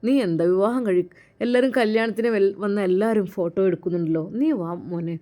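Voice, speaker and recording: A woman's voice: medium pitch, a little fast, mellow, lightly acted. A woman doing a tender, coaxing elder brother. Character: affectionate young man, caring elder brother.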